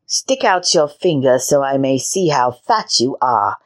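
A woman's voice: a bass voice, animated, measured pace. A woman voicing a sly, greedy old witch who eats children, sweetly coaxing one moment and screaming the next.

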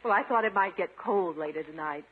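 A woman's voice: lowish voice, fairly quick, lightly acted. Actress as a coy lady on noisy old radio. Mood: coy, gracious. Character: elegant, coquettish society woman. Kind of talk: 1950s radio comedy acting. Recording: noisy, narrow-band old radio recording.

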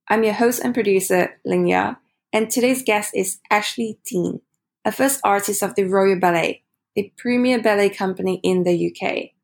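Woman podcast host with gravelly fry. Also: mid-range voice. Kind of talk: podcast interview hosting.

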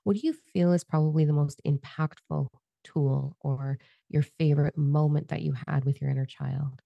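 A woman hosting a casual podcast chat, talking in an enthusiastic, nurturing way with quick asides. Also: sits low, fairly even intonation, vocal fry, dry recording, dull audio. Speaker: podcast host and coach.

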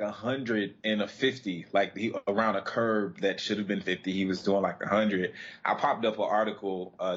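A man's voice: lowish voice, lo-fi sound. An American man hosting a talk show in a casual, conversational way. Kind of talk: casual chat.

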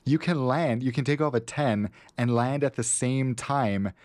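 Laughing man telling lively anecdotes. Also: medium pitch, measured pace, no echo. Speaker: podcast co-host. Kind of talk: casual chat.

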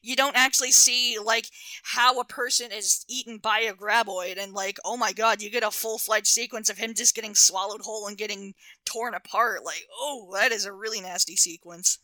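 A woman's voice: medium pitch, fairly even intonation, normal speed, bright, forceful tone, no room sound, low-quality recording. A woman co-hosting a casual movie podcast, talking with enthusiastic, gushing energy and casual swearing. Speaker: podcast co-host.

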